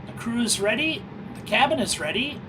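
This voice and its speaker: A woman's voice: fairly high pitch, lively intonation, normal speed. A woman presenting as a flight simulator pilot, giving explanatory cockpit commentary and radio readbacks. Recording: clear cockpit and engine noise.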